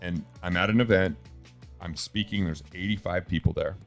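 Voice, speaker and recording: A man's voice: sits low, normal speed, gravelly, soft background music. A middle-aged man host, telling stories in casual chat and acting out quoted dialogue. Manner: animated storyteller, acts out quoted dialogue.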